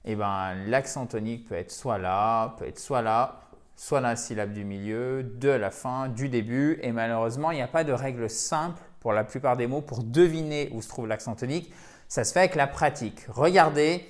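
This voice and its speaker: A man's voice: medium pitch, normal speed. A man teaching English pronunciation in French, explaining stress step by step and pointing to examples.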